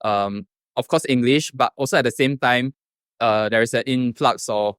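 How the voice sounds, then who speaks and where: A man's voice: medium pitch, normal speed, a bit bright, smooth, no room sound, studio quality. A man with a Singaporean Singlish accent explaining things casually in an interview. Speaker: street interviewee.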